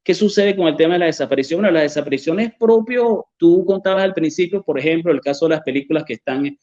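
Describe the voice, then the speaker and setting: A Venezuelan-accented author and journalist, interviewed as a guest, stumbles through his answers with frequent fillers and restarts. His fairly high, darkish voice moves quickly, and the audio is muffled.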